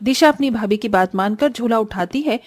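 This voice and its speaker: A woman telling a scripted family story as the narrator, in a steady, even manner. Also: a little high, moderate pace, dry recording.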